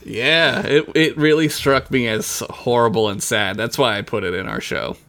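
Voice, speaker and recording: A man's voice: medium pitch, normal speed, bright, forceful tone. A man co-hosting a casual comedy podcast, joking and acting out mock quotes. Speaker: podcast co-host.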